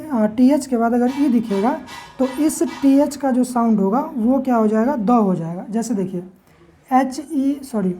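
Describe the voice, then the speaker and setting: A woman's voice: high-pitched, warm tone, poor audio. A woman teaching English pronunciation, spelling words out letter by letter and asking herself questions before answering them. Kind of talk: classroom-style lesson.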